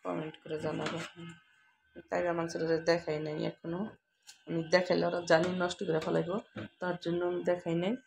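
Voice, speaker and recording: Low, gravelly and brisk, this vlogging mom's delivery is completely flat. She has a Bangladeshi accent and talks casually to her audience at home about cooking, spending part of the time frying in the kitchen. Clicks and noise run through the recording.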